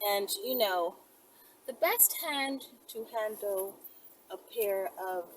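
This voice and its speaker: This video creator, a woman with a medium-pitched voice, talks slowly and casually to viewers in a rambling vlog. Her manner is brash, playful and foul-mouthed, and the distant mic picks up clear background noise.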